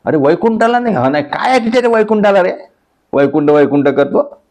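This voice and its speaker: A preacher voicing a coaxing gentle god. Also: male voice, expressive, a little fast. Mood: puzzled. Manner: pleading, affectionate, raised pitch. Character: God Vitthal, gentle coaxing male deity. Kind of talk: acted dialogue within devotional sermon.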